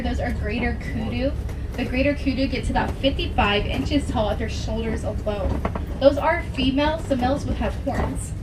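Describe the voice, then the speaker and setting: A woman working as a safari guide, giving live tour commentary from a moving open truck on a theme park ride. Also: high-pitched. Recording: distant PA voice under loud truck noise.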